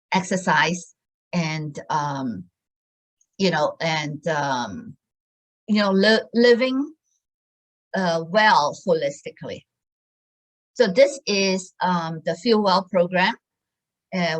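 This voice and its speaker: Slow, hesitant woman in her sixties. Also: fairly low pitch, low-quality recording. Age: 60s. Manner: hesitant, many fillers and restarts. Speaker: wellness product presenter. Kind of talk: casual sales talk.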